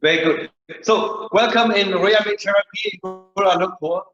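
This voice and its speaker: Man, rehab instructor, high-pitched, unhurried plain explaining, vintage echo chamber sound, dull lo-fi. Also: fairly bright tone, soft background music. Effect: heavy echo chamber sound, dull lo-fi tone. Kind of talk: online workshop demonstration. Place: indoor rehab center rooms. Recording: very echoey room, muffled lo-fi sound.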